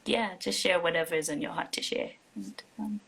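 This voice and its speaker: A woman with a lowish voice hosts a casual live chat, upbeat and encouraging, often breaking into laughter. She speaks over a phone live stream. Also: brisk, vocal fry, fairly bright tone, breathy edge, poor audio. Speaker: host.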